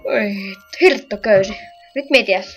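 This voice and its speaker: A woman giving casual let's play commentary who turns jumpy and shrieks and yells when she gets scared. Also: mid-range voice, faint music behind.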